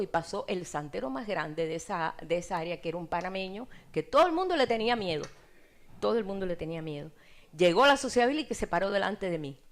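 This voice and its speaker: Animated Cuban woman preaching testimony. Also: medium pitch. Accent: Cuban Spanish. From Cuba. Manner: animated storytelling, laughs often, voice rises in emotional peaks. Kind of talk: sermon testimony.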